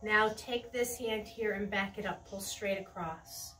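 Guiding a tai chi class step by step, a middle-aged woman speaks at medium pitch with a slightly bright tone, her cues serene, encouraging and unhurried. The recording comes from a distant mic in a small carpeted indoor room, with faint music playing.

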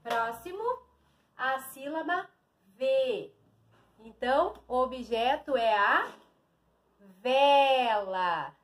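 A woman's voice: high voice, expressive, slow pace, pauses often, a bit bright. A woman teacher from Brazil giving a reading lesson to young children, stretching and stressing each syllable.

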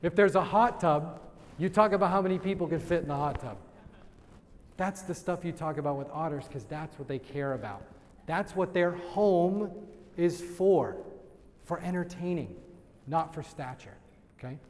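A man giving a lively sales training talk to a live audience, quizzing the crowd and laughing often. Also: a little high, normal speed. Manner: energetic, asks the crowd questions and laughs. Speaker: real estate sales trainer. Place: event room with audience. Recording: long hall reverb.

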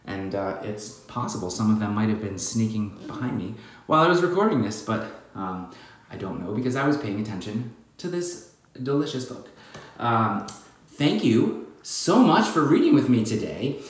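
A man, a children's book author, reading his picture book aloud in a playful, animated way with jokey asides. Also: on the low side, moderate pace. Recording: very echoey room.

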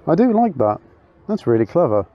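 A man's voice: a little high, sing-song, fairly quick, lo-fi sound. Chatty man talking cars outdoors. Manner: chatty, enthusiastic, thinking aloud with fillers. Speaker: car vlogger. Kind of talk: casual walkaround commentary. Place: outdoor car meet on gravel.

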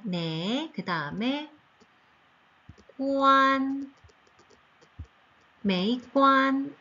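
Female language teacher for an online seniors' class, slow and patient, lively pitch, slightly husky. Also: muffled recording. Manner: slow, patient, drawn-out tone demonstrations. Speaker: Chinese teacher. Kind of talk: recorded online lesson for seniors.

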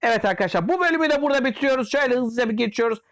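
A man giving casual let's-play commentary, jokingly scolding and yelling at the customers in the game. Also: very high voice, expressive, rapid-fire, no room sound. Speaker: gameplay commentator.

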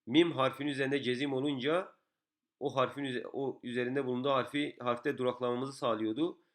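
A man teaches a beginners' reading lesson at an even, middling pitch. He goes step by step and says each syllable over and over. His tone stays patient and plain. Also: brisk. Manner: patient, repeats each syllable several times.

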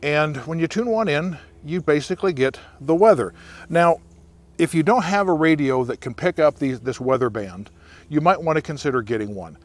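An American man in his sixties hosts an informal outdoor preparedness video, talking to camera in the woods through a lapel mic. His voice is fairly high-pitched and expressive, at a normal pace.

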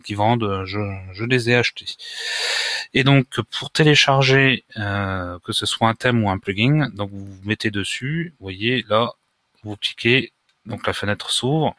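A WordPress tutorial maker talks through a screen-recorded software lesson in a casual, halting way, often pausing to find his words. His voice is low-pitched but bright and forward, full of fillers and restarts. The recording is close and dry from a desk mic, with no room echo.

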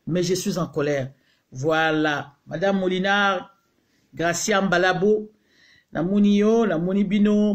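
A Congolese man hosting a casual live stream, greeting viewers one by one in a heated, repetitive way. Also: high-pitched. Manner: mixes French and Lingala, heated. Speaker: livestream host.

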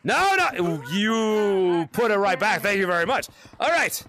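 A young man streaming a VR game live, excitable and laughing often as he calls out fans' names. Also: sits high, unhurried. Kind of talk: live-stream chat with fans.

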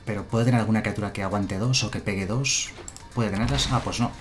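A man's voice: on the low side, fast talker, faint music behind. A man with a Spanish accent from Spain, casually commenting a game on a live stream and answering his chat. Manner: chatty, answers chat, muses aloud. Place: home room with a chair.

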